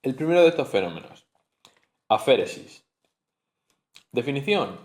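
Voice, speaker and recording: Male teacher, mid-pitched voice, patient spoken phonetics lesson with sounds repeated aloud. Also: sing-song, normal speed.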